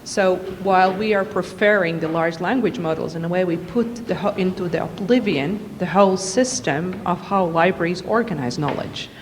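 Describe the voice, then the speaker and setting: A woman's voice: fairly low pitch, normal speed, hardly any pauses. A woman asking a long, earnest question from a conference audience. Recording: reverberant hall, faint noise.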